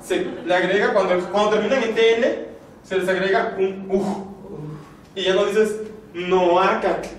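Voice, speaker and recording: A man's voice: high-pitched, steady tone, normal speed, a little hiss or hum. A man teaching a language class, patiently explaining grammar step by step. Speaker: Nahuatl teacher. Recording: echoey room from far off.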